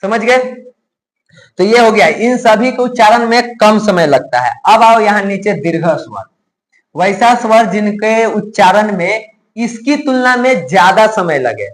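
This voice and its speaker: A male teacher giving a grammar lesson to a class, drilling sounds slowly and often asking the students if they have understood. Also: high-pitched, expressive, low-quality recording. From India. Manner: asks students frequent check questions.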